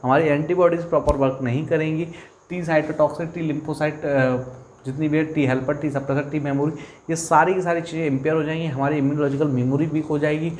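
A man's voice: on the high side, fairly even intonation, fairly quick, a little mellow. Guy teaching a biology class, asks then answers his own questions, repeats key words, bit of faint hiss behind. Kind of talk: exam-prep lecture.

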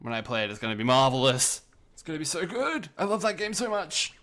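A streamer chatting casually while gaming, excitable and quick to grumble or gush. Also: medium pitch. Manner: excitable, swings between grumbling and gushing. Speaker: streamer playing a team shooter.

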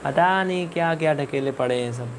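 A man's voice: on the high side, brisk, slight background noise. A man teaching a live online maths class, repeating questions and scolding his students. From India.

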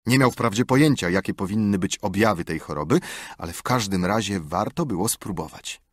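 Husky, lively male audiobook narrator. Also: on the low side, fairly quick, no room sound, studio quality. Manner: expressive, lively storytelling. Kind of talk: scripted narration.

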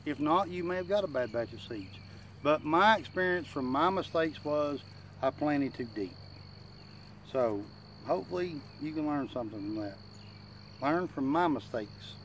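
With lively intonation, normal speed and a fairly bright, rather high voice, this man drawls his folksy advice to a camera a few feet off, slightly muffled by the chewing tobacco in his lip. He's a channel host talking plainly and self-deprecatingly, country style, outdoors in a wooded yard where faint nature noise can be heard.

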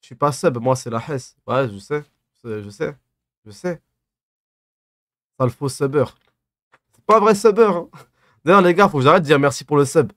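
A man's voice: fairly high pitch, normal speed, long pauses, no room sound. A man in his twenties with a lisp on his s sounds, chatting casually and teasingly as he reads and answers livestream comments in slangy banter. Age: 20s. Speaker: live streamer. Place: small dim room at a desk.

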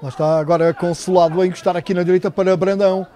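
A man with a European Portuguese accent giving fast, dramatic, excited football commentary. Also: high-pitched. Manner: excited, drawn-out goal calls. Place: outdoors beside a football pitch. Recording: outdoor stadium crowd behind.

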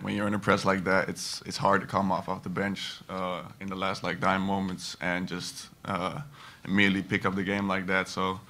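A young college basketball player answers reporters at a press table in a low, flat voice. His tone is gravelly yet bright, and he stops and restarts often, full of fillers. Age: young adult. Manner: halting, many fillers and restarts. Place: press conference room. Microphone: table microphone.

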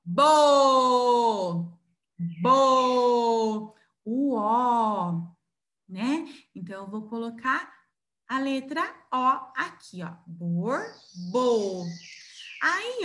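A woman with a Brazilian accent gives a recorded lesson to small children. Her voice sits fairly high and she speaks very slowly. She sounds out each syllable with care. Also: pushed and bright. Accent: Brazilian Portuguese. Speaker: preschool teacher.

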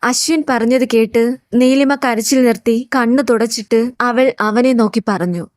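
A woman's voice: on the high side, unhurried, no room sound, clean studio sound. Woman narrating a serial story. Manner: steady storytelling. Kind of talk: scripted audio serial narration.

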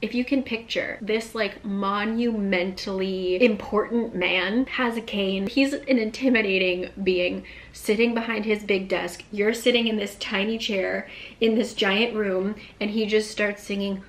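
A young woman talks straight to her camera from a small apartment, rambling happily through a story with plenty of "like" and "um". She sounds close and natural, her pitch sitting in an ordinary middle range. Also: a little slow. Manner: chatty, many "like" fillers, animated hand gestures. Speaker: vlogger. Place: small apartment room, indoors.

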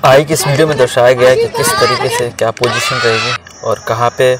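A man's voice: medium pitch, steady tone, a little fast, a loud crowd. A man narrating a voice-over that explains a coaching video in a plain, explanatory way. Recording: distant, with clear background noise.

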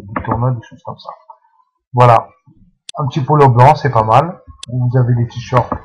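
A man talks viewers through a game in a casual, unscripted way, stopping and restarting often. His delivery is slow and unhurried. The recording sounds dull and lo-fi. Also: mid-range voice. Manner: hesitant, full of fillers and restarts. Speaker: channel host explaining a game.

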